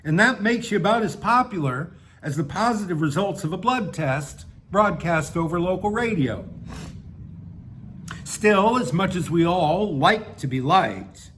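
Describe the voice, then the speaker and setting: A man's voice: high-pitched, expressive, a little slow, a bit bright. Dry, wry man reading his own story. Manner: dry, wry delivery with offhand spoken asides. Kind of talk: reading a humorous personal essay aloud.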